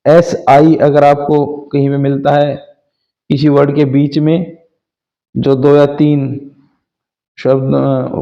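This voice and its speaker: In a mellow, mid-range voice, a man teaches English phonics, patiently spelling words letter by letter and sounding out each part. The recording has a dull, lo-fi quality.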